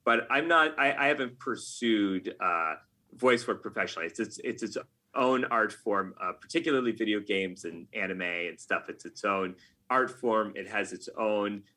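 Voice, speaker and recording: An American video game writer, a guest on a podcast, answers conversationally at normal speed. His voice is lowish with a bright, forceful tone, and he tends to back up and reword his explanations as he goes.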